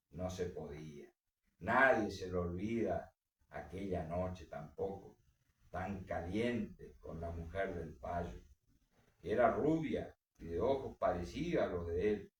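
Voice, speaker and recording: A man reading a story aloud for a book club, dramatic, with strong swings in pitch and volume. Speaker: reader. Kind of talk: literary reading. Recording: roomy echo, distant mic.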